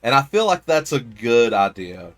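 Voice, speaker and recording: A man's voice: medium pitch, very animated, normal speed, fairly bright tone. A man game master casually recapping his first tabletop session, talking in a loose, rambling way with many fillers and some swearing. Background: faint music.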